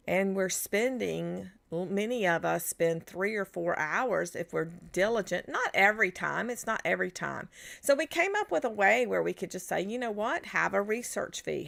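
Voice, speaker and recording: A woman's voice: mid-range voice, creaky, a bit bright. A middle-aged woman giving a chatty live-streamed coaching talk to wellness practitioners, rambling with restarts and asides. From United States. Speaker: business coach for natural health practitioners.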